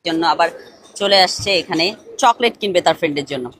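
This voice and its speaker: A woman's voice: fairly low pitch, lively intonation, fast talker, fairly bright tone. A young woman, narrating a casual family vlog and coaxing her son with short questions. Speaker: vlogger and mother.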